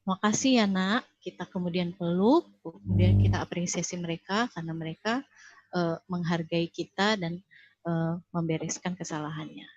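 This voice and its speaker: A woman's voice: lowish voice, steady tone, moderate pace, a little mellow, no room sound, lo-fi sound. A woman giving an earnest, instructive parenting talk in a webinar, speaking straight to parents over a video call.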